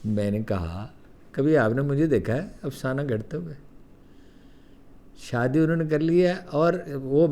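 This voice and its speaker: An older man with a Pakistani Urdu accent telling personal anecdotes in a lively way, acting out the quoted remarks. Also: medium pitch, long pauses. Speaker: columnist recounting memories. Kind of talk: storytelling anecdotes.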